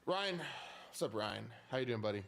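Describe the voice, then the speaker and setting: A man's voice: fairly low pitch, sing-song, normal speed, vocal fry, fairly bright tone. A male live streamer chatting casually to his viewers, swearing freely and repeating his phrases.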